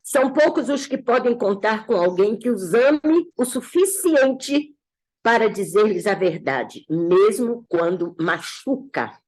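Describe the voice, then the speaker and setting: A woman's voice: mid-range voice, slow pace. A woman pastor teaching a church class, telling a folksy tale and acting out its voices. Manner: animated, acts out quoted voices in a folksy tale. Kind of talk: sermon lesson with storytelling.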